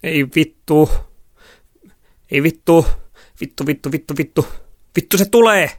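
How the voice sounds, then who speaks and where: A man voicing a foul-mouthed teenage girl on the run, shouting and swearing in a high, frantic voice. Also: expressive, creaky, no room sound, clean studio sound. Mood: panicked.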